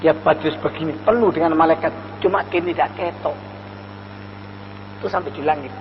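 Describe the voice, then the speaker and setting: A man's voice: a little high, fairly quick. An older man preaching a dawn sermon, telling stories and acting out the voices in them. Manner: storytelling, acts out quoted voices. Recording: lo-fi recording in a reverberant hall with faint noise.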